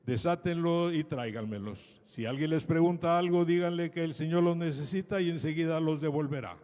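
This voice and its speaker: A man's voice: on the high side, fairly quick, a little mellow. A man giving a solemn liturgical scripture reading as a priest, his voice carrying through cathedral echo. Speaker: priest proclaiming the Gospel at a Palm Sunday Mass. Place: large cathedral. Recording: cathedral echo, long hall reverb.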